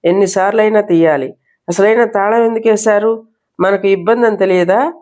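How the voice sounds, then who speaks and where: A woman's voice: mid-range voice, normal speed, close to an everyday voice. A woman reading a storybook voicing a brash, argumentative young man. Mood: defiant. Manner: argumentative, forceful.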